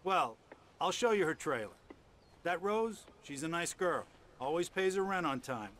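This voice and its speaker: A man's voice: on the high side, lively intonation, unhurried, fairly bright tone, slight background noise. A man voicing a folksy, God-fearing trailer park manager in a video game. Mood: folksy, curious. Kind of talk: video game dialogue acting.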